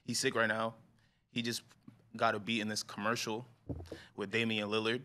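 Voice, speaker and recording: A man in his twenties, a rapper guest chatting casually in a slangy, laid-back way that trails off quietly. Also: fairly low pitch, flat delivery, normal speed, a little hiss or hum. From New York. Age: 20s. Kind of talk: casual interview chat.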